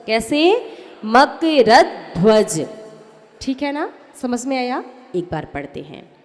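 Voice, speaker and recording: A woman, a Jain nun, teaching a hymn in a sermon-style lesson, chanting the verses slowly and correcting pronunciation line by line. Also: high voice, wildly swooping pitch, darkish tone, long reverb tail.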